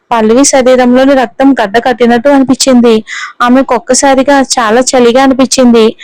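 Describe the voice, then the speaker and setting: A woman narrates a dramatic family story in a steady, measured reading. Her voice is smooth and clear and sits a little high for a woman. The sound is dry and close, with no room behind it. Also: dry recording, low-quality recording.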